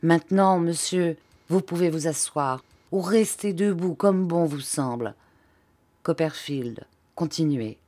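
A woman's voice: sits low, slow pace, dark tone. A woman reading an audiobook, voicing an agitated male schoolmaster who raises his voice in trembling outbursts.

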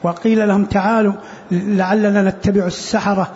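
Man, high voice, halting teacher of scripture, muffled lo-fi recording with light hiss. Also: little pitch movement, darkish tone. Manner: halting, repeats words when restarting. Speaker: sheikh commenting on Quran exegesis. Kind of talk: religious lesson commentary.

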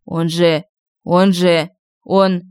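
A woman's voice: fairly low pitch, little pitch movement, extremely slow, darkish tone, clean tone, no echo, clean studio sound. A woman voicing Edik, an astonished boy who stammers as he speaks, in an audiobook.

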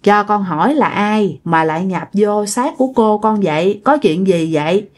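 A woman's voice: mid-range voice, normal speed, close to an everyday voice. A woman voicing a polite, deferential young man in a ghost story.

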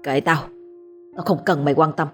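A harsh, abusive husband who is often drunk, as a woman storyteller voices him, scolding in a coarse, low-pitched way. The voice has a husky edge. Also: a little fast, soft background music, natural voice. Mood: sullen.

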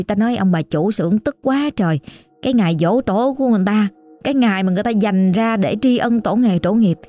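Southern Vietnamese woman storyteller, chatty and exclamatory, warm tone, faint music bed. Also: medium pitch. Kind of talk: casual oral storytelling.

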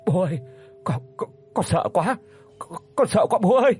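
A frightened young woman stammers and pleads in a high, shaky voice, as a male narrator puts her on. Her pitch jumps up and down, with a husky edge. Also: expressive, normal speed, a little mellow, full character voice. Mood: terrified.

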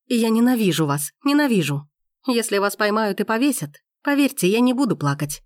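A woman's voice: a little high, sing-song, fairly quick, no room sound, clean studio sound, pitched above the performer's own voice. A woman voicing a fiery, indignant young heroine who hurls heated, accusing exclamations. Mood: furious.

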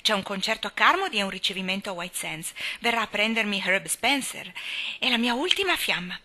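Chatty young woman gushing about her evening, quick and bright , done by a woman narrator. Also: medium pitch, lively intonation. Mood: eager.

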